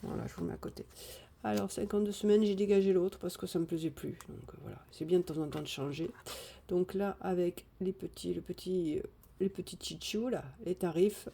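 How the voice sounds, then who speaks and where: A woman chatting casually live on a phone camera, thinking out loud as she sorts and counts cash. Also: on the low side, fairly quick, gravelly, husky. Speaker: budgeting vlogger.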